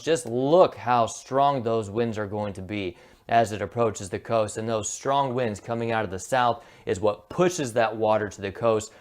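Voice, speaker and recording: Low-voiced man giving live weather commentary. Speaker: TV meteorologist. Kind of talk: live, unscripted hurricane forecast commentary.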